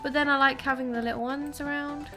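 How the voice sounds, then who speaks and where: A young woman chatting casually while playing a game, emphatic and quick to act out what people say. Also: high-pitched, fairly even intonation, sharp tone, faint music behind. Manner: chatty, emphatic, acts out quotes. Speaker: co-host. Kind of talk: casual chat while gaming.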